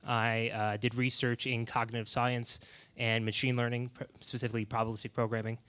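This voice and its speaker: A man, a tech co-founder, introducing himself on a conference panel in a lively way. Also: medium pitch, brisk, smooth.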